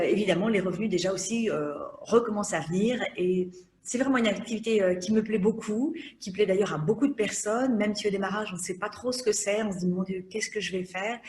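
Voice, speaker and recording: Female distributor, average pitch, roomy echo, urging listeners on in a personal testimonial. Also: a little mellow. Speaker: direct-sales distributor. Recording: echoey room.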